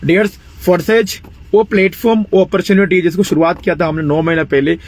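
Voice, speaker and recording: Pitching network marketing with motivational zeal, a late-twenties man from India slips English phrases into his talk. He frequently clears his throat and relies on fillers such as "you know," and a faint hiss or hum sits under the recording.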